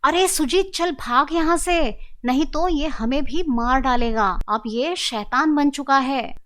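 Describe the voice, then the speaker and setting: A woman's voice: sits high, slow, voice pushed up. Woman doing an alarmed young man. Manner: urgent, loud calls. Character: young man, teasing friend turned fearful.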